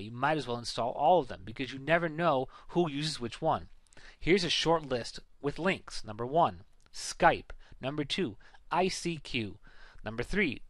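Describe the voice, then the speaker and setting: A man giving a scripted, instructive voice-over for a software tutorial slideshow, in a plain, reassuring way. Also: mid-range voice, dry recording. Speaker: tech tutorial narrator.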